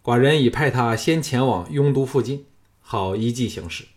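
A man voicing a young, proud and scheming king who is uneasy before his general, speaking in a raised, forceful voice in an audiobook. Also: medium pitch, normal speed, lightly acted.

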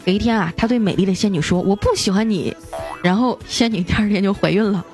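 Soft music plays as a radio host with a darkish, mid-range female voice reads out jokes from her listeners. She's chatty and playful, slipping in her own teasing remarks with drawn-out particles in a lively comic style.

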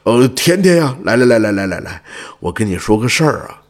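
A man's voice: mid-range voice, very animated, brisk, voice pushed down, natural voice. A man voicing a nervous old male landlord in a folk tale, stammering and repeating himself. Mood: coaxing.

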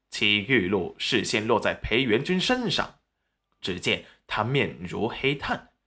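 A man narrating a web novel audiobook in a dramatic, animated manner. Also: mid-range voice.

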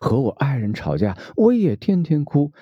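A man voicing a weary, heartbroken middle-aged woman who pleads and drops into breathy whispers, recorded dull and lo-fi. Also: mid-range voice, huge pitch swings, normal speed, dry recording, pitched above the performer's own voice. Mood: sad pleading. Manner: pleading, breaks into unvoiced whispers.

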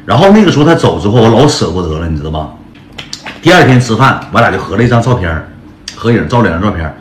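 A man's voice: lowish voice, very animated, fast, a little hiss or hum. A man casually tells a rambling personal story, full of slang and calling his listeners brothers. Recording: echoey room with guitar music.

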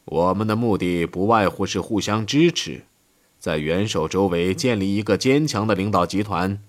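A man reading a history audiobook in a steady scripted narration, lifting his voice for quoted speech. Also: low-pitched, moderate pace.

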